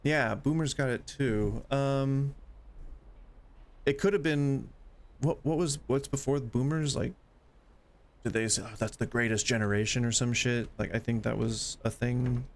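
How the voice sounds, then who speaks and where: Talking at a measured pace in a medium-pitched voice, a gaming streamer in his forties rambles casually through his gameplay. He's chatty and self-deprecating, cracking jokes about getting old.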